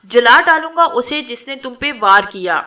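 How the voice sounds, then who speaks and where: A woman's voice: on the high side, lively intonation, sharp tone, far from the mic. A woman voicing a frantic young man in a spoken horror story, calling out in anguish. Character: young man, frantic over his stricken bride.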